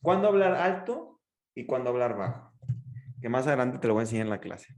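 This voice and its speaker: A man with a Mexican accent, a speaking coach who gives advice and acts out his examples in an expressive way during a podcast interview. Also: a little fast, roomy sound. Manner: expressive, demonstrates pitch and emphasis.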